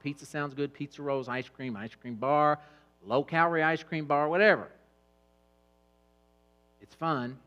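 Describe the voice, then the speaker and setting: A middle-aged man giving a humorous, animated church talk on eating habits, swinging between quiet asides and loud bursts. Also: medium pitch, lo-fi sound. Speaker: fitness trainer speaking at church. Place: church hall.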